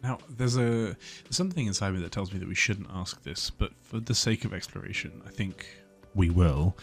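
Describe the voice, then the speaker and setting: A man hosting a relaxed playthrough of a video game, thinking aloud and laughing often. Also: low-pitched, normal speed. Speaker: gaming channel host. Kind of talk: casual game commentary. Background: loud game music.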